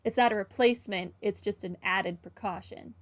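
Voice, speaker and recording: Speaking at a normal pace with medium pitch, this game streamer reacts as she plays, sharing her opinions in a conversational way. Her talk is casual playthrough commentary mixed with reading the dialogue choices aloud.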